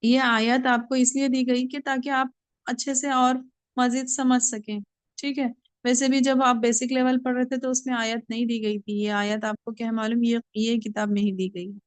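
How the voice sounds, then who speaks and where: A woman teaching Quran recitation rules to students, patiently explaining and slowly repeating words to demonstrate. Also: a little high, level tone, dry recording.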